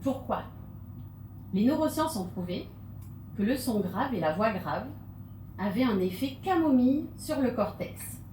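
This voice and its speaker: A woman's voice: on the high side, expressive, a little slow, pauses often, a little mellow, a little hiss or hum. Playful woman speaking in an echoey hall. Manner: playful, theatrical, laughing asides. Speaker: conference speaker. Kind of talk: humorous stage talk. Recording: echoey hall, mic from far off.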